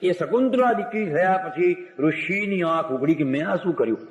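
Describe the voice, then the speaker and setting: A religious storyteller from Gujarat, India, delivers devotional stories as a sermon in a high-sitting voice with lively intonation at normal speed. He narrates old myths, voices the characters and breaks into sung verses. The hall recording is echoey.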